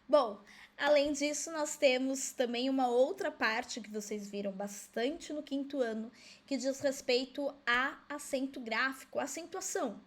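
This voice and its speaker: A woman gives a recorded school lesson in a high voice. She explains patiently, step by step, and keeps checking that her pupils follow. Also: a little slow. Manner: friendly, explaining step by step, with frequent checks like "certo?"; asks herself pupils' questions in a lighter voice. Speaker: Portuguese teacher.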